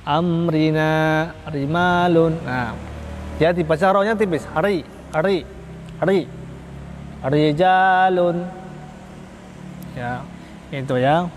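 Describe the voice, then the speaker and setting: A man teaching Quran recitation rules in a patient, repetitive way, drawing out the example words slowly. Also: on the high side, slight background noise. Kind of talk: religious study lesson. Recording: long reverb from a hall.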